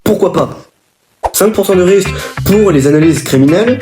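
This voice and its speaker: A man's voice: sits high, moderate pace. A man hosting an improvised video on film genres, rambling with fillers and self-corrections. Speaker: video host. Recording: echoey room with music behind.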